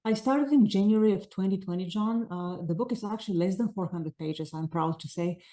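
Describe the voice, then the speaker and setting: A Bulgarian woman in her forties, an author, answers interview questions earnestly in flowing sentences with a Bulgarian accent. Her voice is mid-range with a dark tone, and she speaks briskly.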